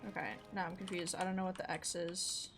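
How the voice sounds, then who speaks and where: A woman's voice: on the low side, level tone, brisk, music in the background. A young woman giving casual, chatty commentary while playing a video game. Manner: chatty, amused asides. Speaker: gaming streamer.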